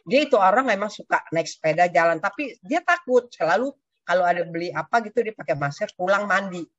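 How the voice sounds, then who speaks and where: Speaking briskly in a fairly low voice, an older woman recounts her testimony to fellow churchgoers. She's a lively storyteller who performs the quoted lines of others. The audio is dry, dull and lo-fi.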